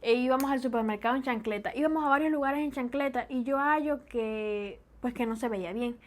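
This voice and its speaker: A woman from Cuba with a Cuban Spanish accent, talking animatedly in a casual vlog and laughing often. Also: a little high. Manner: animated, laughs often, acts out loud fast speech. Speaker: vlogger.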